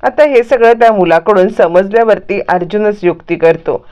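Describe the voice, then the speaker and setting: A woman's voice: mid-range voice, normal speed, darkish tone. A woman casually retelling a serial episode, linking each step plainly. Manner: plain retelling with many "asa mhatlyavarti" links. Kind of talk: casual story recap narration. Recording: muffled lo-fi recording.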